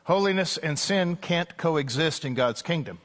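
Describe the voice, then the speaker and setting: A man with a fairly high pitch and lively intonation preaches as an Anglican priest at a church pulpit mic, going a little slowly. His manner is conversational, with gentle jokes and "uh" fillers.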